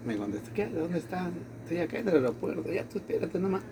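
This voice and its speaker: Speaking fast in a high voice with a little hiss or hum on the recording, a Latin American man shares a personal story. He tells it casually and animatedly, performing the quoted lines.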